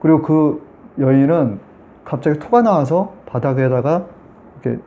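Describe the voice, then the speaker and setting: A man's voice: a little high, normal speed, highs cut off. A man giving a Sunday sermon as pastor, telling a story and talking to the congregation in a conversational way.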